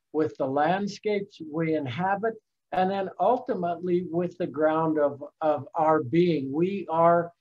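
Thoughtful presenter musing through a talk, reads quotes out loud, kinda muffled lo-fi sound. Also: medium pitch. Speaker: presenter of a lecture series. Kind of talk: reflective spoken presentation.

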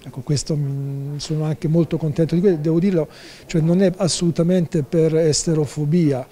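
A man in his sixties, speaking at a moderate pace in a slightly high, steady, warm voice, is interviewed as a festival's artistic director. Wearing a face mask in an indoor office, he uses many fillers and restarts.

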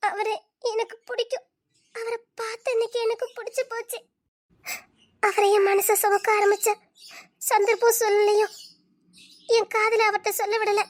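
A woman voicing a young woman who tearfully and earnestly refuses a friend's love in an audio drama. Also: very high voice.

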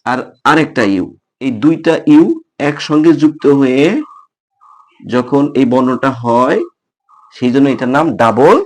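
A man's voice: medium pitch, a little mellow. A man teaching the alphabet and its correct pronunciation, repeating each point and quizzing the viewer. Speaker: tutor. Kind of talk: classroom lesson.

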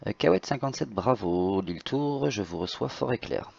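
A man with a lowish, creaky voice works as an air traffic controller, giving halting procedural instructions. The audio is slightly dull, like lo-fi voice chat. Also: lively intonation, a little mellow. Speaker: tower air traffic controller in online flight simulation. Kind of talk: procedural radio instructions with informal asides.

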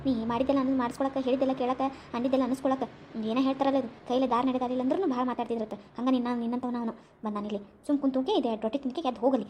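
A woman's voice: sits high, steady tone, rapid-fire, dark tone, slight background noise, lightly acted. A woman voicing a chatty village aunty with a North Karnataka accent, fussing and reassuring as an eager hostess in a cartoon. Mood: scolding. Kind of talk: cartoon comedy voice acting.

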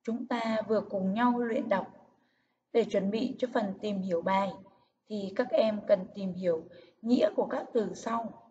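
A woman teacher giving a reading lesson to young children, speaking slowly with careful, clear enunciation. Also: medium pitch, warm tone. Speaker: primary school teacher. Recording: distant, muffled recording with faint hiss.

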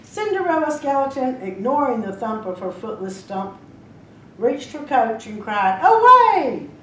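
A woman librarian reads a rhyming storybook aloud, slowly and expressively, her fairly high voice swinging up and down. She is heard from a little way off in a roomy library space, with a faint rumble behind. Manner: lively, expressive reading with slips and restarts. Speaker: children's librarian. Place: library room. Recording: roomy echo, mic at a distance, faint rumble.

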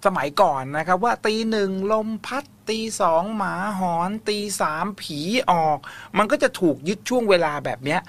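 A man's voice: high voice, lively intonation, normal speed, hardly any pauses. A man hosting a ghost-story radio talk show, chatting casually and encouragingly with a caller, often humming along. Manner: warm, encouraging, many soft hums. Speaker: host. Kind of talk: casual chat.

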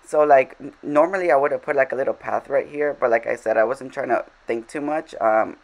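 A man with a gravelly, fry-laden voice at an ordinary middle pitch talks loosely through his gameplay. He rambles and fills gaps with filler words, often poking fun at himself. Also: brisk, low-quality recording. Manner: rambling, filler-heavy, self-deprecating. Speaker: game vlogger. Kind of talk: casual gameplay commentary.

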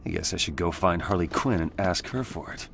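An actor voicing a determined young male vigilante in a video game, speaking in a serious, measured way as if thinking aloud. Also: low-pitched, vocal fry, noisy background. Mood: worried, grim.

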